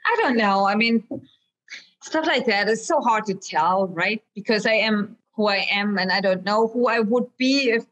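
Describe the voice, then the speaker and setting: A woman's voice: medium pitch, moderate pace, a bit bright, muffled recording. A woman from Germany with a German accent, a guest artist chatting casually and laughing often. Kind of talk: casual conversation.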